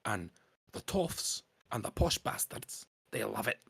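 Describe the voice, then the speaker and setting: A man voicing a stingy, gruff male merchant with a Scottish accent that drifts toward Irish. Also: lowish voice, very animated, a little slow, a bit bright, no room sound, exaggerated voice. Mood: conspiratorial.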